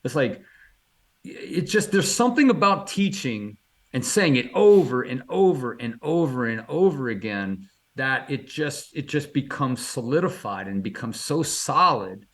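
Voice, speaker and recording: A man's voice: mid-range voice, big pitch swings, measured pace. A man answering interview questions in a casual, enthusiastic way, rambling with many fillers and restarts. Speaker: illustrator guest answering questions.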